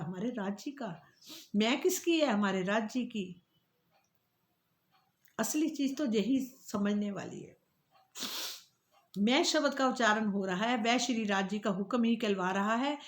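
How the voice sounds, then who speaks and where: A woman teaching devotional scripture, who asks questions and answers them herself, and sings the verses slowly. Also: mid-range voice, roomy sound.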